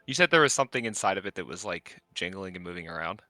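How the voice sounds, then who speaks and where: A man's voice: low voice, lively intonation, fast, bright, forceful tone, no room sound, faint music behind. A man playing a tabletop game, asking the game master dry, pointed questions. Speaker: player. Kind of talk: tabletop role-play.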